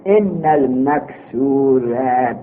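A man teaching a grammar lesson, reading a text aloud in drawn-out phrases, explaining it and asking his own questions, on an old worn tape. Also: mid-range voice. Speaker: teacher in a religious seminary. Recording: old worn tape, muffled narrow band, faint noise.

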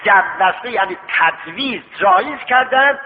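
A fairly high-pitched man delivers a seminary lecture on Islamic law. He asks rhetorical questions and answers them himself, drawing out key terms to stress them. The sound is thin and phone-like, with a long hall echo. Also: animated. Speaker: seminary teacher. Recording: tinny lo-fi recording with long hall reverb.

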